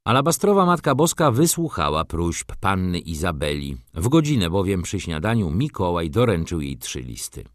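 Male audiobook narrator, deep voice with lively pitch, dry close sound. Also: normal speed, few pauses, no room sound. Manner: expressive, theatrical. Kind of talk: audiobook reading of classic prose.

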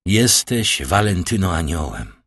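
A man's voice: sits low, big pitch swings, a little slow, a bit bright, slightly rough, no echo, studio quality, exaggerated voice. A man reading a grave fatherly nobleman. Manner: solemn, reassuring.

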